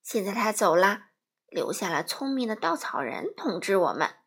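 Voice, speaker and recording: A woman's voice: medium pitch, sing-song, normal speed, fairly bright tone, husky, voice pushed down, exaggerated voice. A woman reading a storybook aloud, voicing townspeople who speak fondly of their lost ruler. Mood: wistful.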